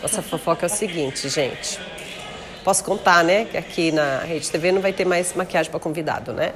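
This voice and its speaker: A woman's voice: on the low side, moderate pace, slight background noise. Chatty, teasing Brazilian woman podcaster. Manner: chatty, slangy, teasing, laughs easily. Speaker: podcast host. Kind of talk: casual gossip chat.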